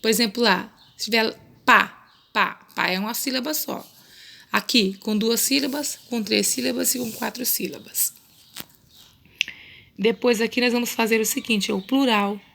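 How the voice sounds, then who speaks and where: A woman with a Brazilian accent teaching a remote lesson to young children, patient and coaxing, slowly repeating each word. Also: fairly high pitch, creaky, a bit bright. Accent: Brazilian Portuguese. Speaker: primary school teacher.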